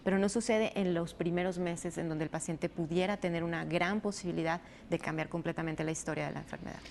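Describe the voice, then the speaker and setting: A woman doctor answers interview questions in a lowish voice, explaining step by step with fillers here and there. Faint noise hums behind her. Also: steady tone, creaky, a little mellow. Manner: explanatory, measured, frequent fillers. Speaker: rheumatologist guest.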